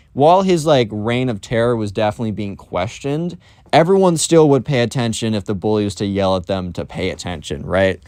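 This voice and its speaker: A man's voice: mid-range voice, darkish tone, no room sound, studio quality. A man telling a story on his vlog in a casual, rambling way, full of fillers. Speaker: storytime YouTuber.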